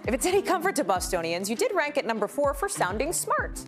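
A woman anchoring a live news show, presenting stories in a brisk, conversational and chatty way. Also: sits high, big pitch swings, music in the background.

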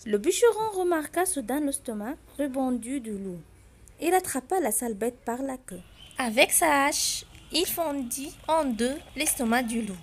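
A woman narrating a fairy tale in an expressive, sing-song, deliberate storybook manner. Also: sits high.

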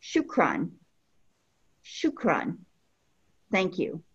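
A woman teaching a language lesson, speaking patiently and repeating each phrase slowly so learners can follow. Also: on the low side, huge pitch swings, gravelly, breathy edge, lo-fi sound. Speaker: Arabic teacher.

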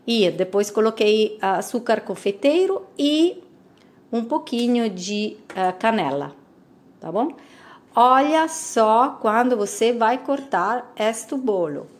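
Slow, higher-voiced woman with Italian accent. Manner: halting, searching for words in a second language. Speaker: home cooking host. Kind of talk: casual recipe voice-over.

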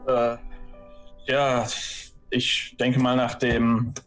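A man's voice: medium pitch, completely flat delivery, extremely slow, fairly bright tone, faint music behind. A man playing a private detective who questions a client hesitantly and methodically in a tabletop role-play. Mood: businesslike, hesitant.

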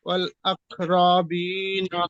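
Man on a breaking-up call, reading slowly. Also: sits high, monotone, fairly bright tone, dry recording. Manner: slow, halting letter-by-letter reading. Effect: network call breaking up. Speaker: student. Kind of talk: spelling out Quran reading in an online class. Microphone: phone or computer on a video call. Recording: muffled, distant internet call audio.

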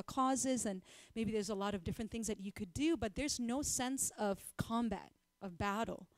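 A woman's voice: fairly high pitch, no echo. Woman teaching at a church fellowship. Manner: conversational, with frequent ums and uhs. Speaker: Bible teacher. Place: church prayer-house gathering.

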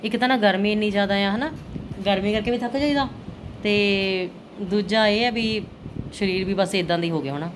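A woman's voice: mid-range voice, normal speed. A middle-aged woman with a Punjabi accent chatting casually to her viewers about daily life, often putting questions to them. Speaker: vlogger mother. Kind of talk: casual daily-routine vlog chat to viewers. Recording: clearly noisy everyday vlog recording.

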